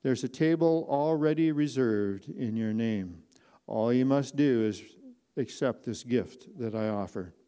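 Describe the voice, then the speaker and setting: A man voicing Jesus as a kindly, welcoming figure in a spoken story, talking slowly and gently. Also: medium pitch, smooth, natural voice. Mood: gentle.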